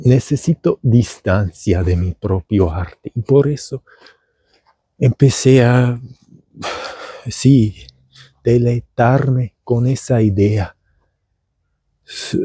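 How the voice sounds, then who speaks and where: A language teacher and podcaster, a man, delivers a rambling comedic monologue outdoors at dusk, speaking slowly in a dark, lowish voice with a breathy edge. His Argentine Spanish accent was learned as a German speaker, and his meandering, theatrical delivery is full of fillers and restarts. The recording is dry.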